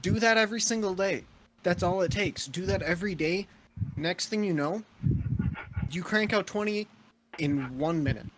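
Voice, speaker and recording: A man's voice: sits high, moderate pace, long pauses, slight background noise. A young man co-hosting a podcast in casual chat, brash and swearing, giving a tipsy pep talk. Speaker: podcast co-host.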